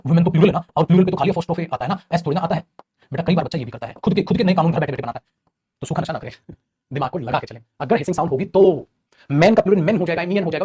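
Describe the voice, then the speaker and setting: A man teaches English grammar at a breakneck clip, fond of throwing questions at his class and answering them himself. His voice is slightly raised in pitch and has a husky edge. He is middle-aged, with a habit of repeating key points. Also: a little mellow. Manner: rapid, repetitive, calls students beta, asks and answers his own questions. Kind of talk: live online class lecture.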